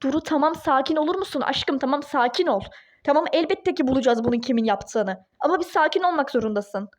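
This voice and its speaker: A calm husband, as a woman puts him on. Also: high voice, fairly quick. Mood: soothing. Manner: calming, reassuring. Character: young husband, calm and soothing. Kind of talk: toy-game role-play drama.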